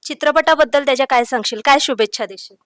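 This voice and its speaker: Interviewer: woman, high voice, friendly prompting, dry close recording. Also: fast, fairly bright tone, dry recording. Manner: friendly prompting with frequent hums. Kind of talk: conversational interview questions.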